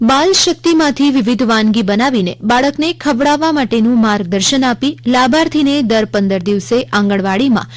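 A woman with a Gujarati accent reading a scripted regional radio news bulletin in a measured, formal way. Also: on the high side, dry recording. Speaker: news reader.

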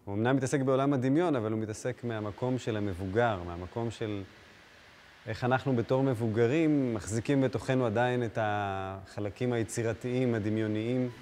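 A man speaking calmly and reflectively in a behind-the-scenes interview. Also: medium pitch.

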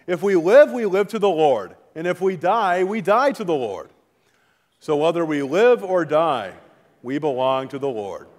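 A middle-aged man speaking as a pastor at a funeral, reading liturgy and prayers in a solemn, measured, formal way. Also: on the high side, lively intonation. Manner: solemn, measured, formal delivery with falling phrase endings. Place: large church sanctuary, indoors before a congregation. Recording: reverberant church hall.

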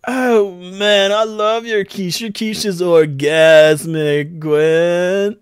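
A man's voice: sits high, fairly even intonation, extremely slow, clean tone, dry recording, studio quality, voice pushed up. A man voicing a laid-back, always hungry male cat-folk character who drawls in slacker slang. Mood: excited. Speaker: tabletop game character.

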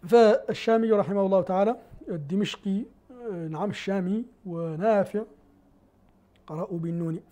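A man gives a televised lesson on the variant readings of the Quran. His voice sits fairly high but has a mellow, warm color. He moves between plain explanation and slow, melodic recitation of verses and rhyming rules. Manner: quotes didactic verse rules in a chanting rhythm. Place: television studio.

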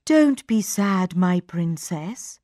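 Woman voicing a soft-spoken young hero. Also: lowish voice, expressive, slow, no echo, clean studio sound. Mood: reassuring. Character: kind young man, calm hero.

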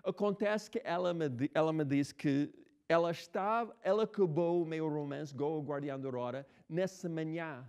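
Telling stories at normal speed, the interviewed writer has a fairly high, smooth, slightly mellow voice. He's a man in his sixties from the United States, speaking Portuguese as a second language with an American English accent, and his casual interview talk is full of fillers and restarts.

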